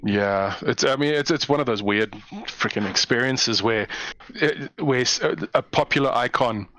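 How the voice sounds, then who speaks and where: South african guy, mid-pitched voice, lively storyteller, super dry close sound. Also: normal speed, no echo. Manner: animated storyteller, jumps into mock voices, laughs often. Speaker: comedian guest. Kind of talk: casual chat.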